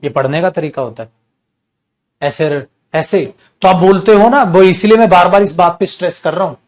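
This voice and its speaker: A man teaching an online English class in a high-pitched voice. He talks to his students fondly as children and repeats every point in lists. His tone swings between patient coaxing and sharp scolding. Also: normal speed. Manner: repetitive, list-like explaining.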